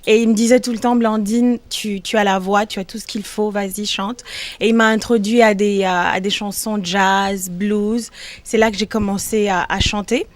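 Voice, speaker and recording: A woman's voice: mid-range voice, fairly even intonation, moderate pace. A young woman from Congo, a singer, talking casually in an interview with many hesitations and restarts. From Democratic Republic of the Congo.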